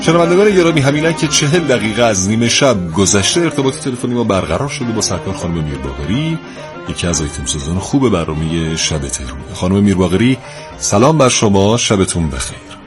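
A man's voice: fairly low pitch, sing-song, music in the background. A man hosting a late-night radio show, reading listener messages in a polite, formal way. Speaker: radio host.

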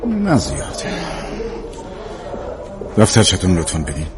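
A man's voice: sits low, wildly swooping pitch, music in the background. A man playing a hospital doctor, firm and reassuring with patients and their family. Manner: firm, reassuring bedside manner.

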